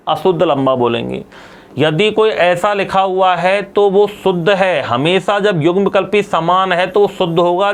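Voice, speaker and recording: High, clear-voiced male teacher drilling students. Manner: asks students questions and answers them himself; repeats key terms for drilling. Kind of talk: classroom lecture.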